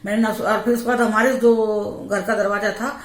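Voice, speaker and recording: A woman's voice: medium pitch, moderate pace. A middle-aged woman vlogger casually telling a true haunted story from her family's life, acting out what each person said. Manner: animated, acts out quoted family voices. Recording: echoey home room.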